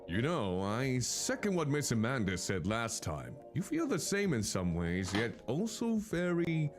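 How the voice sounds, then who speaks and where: A man voicing a friendly, gently teasing barista in a game, reading lines live. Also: mid-range voice, sing-song, a little slow, faint music behind. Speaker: streamer.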